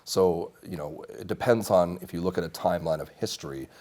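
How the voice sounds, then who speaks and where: He speaks a little fast, in a low and slightly mellow voice: a congressional candidate in his thirties who grew up in Mexico. During a TV interview on a small studio set, his answers are earnest and assertive, and he keeps restarting his sentences.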